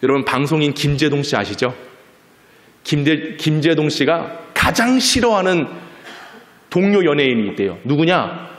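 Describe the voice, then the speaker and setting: A man's voice: a little high, expressive, normal speed. A man in his forties preaching a sermon, telling stories and acting out quarrels in quoted voices. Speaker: pastor. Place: church sanctuary. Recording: echoey church hall.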